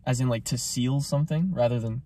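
A man co-hosting a casual music reaction chat, puzzling over lyrics aloud with quick laughs. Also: mid-range voice, warm tone, dry recording. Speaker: reaction video co-host.

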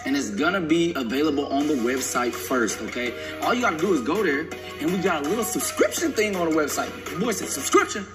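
A young man with a voice worn from yelling, chatting to camera from a couch in a joking, hyped way to promote his group's videos. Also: on the high side, lively intonation, a little fast, few pauses, music in the background. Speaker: comedy group member addressing viewers. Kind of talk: casual direct-to-camera promo chat. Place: living room, seated on a couch.

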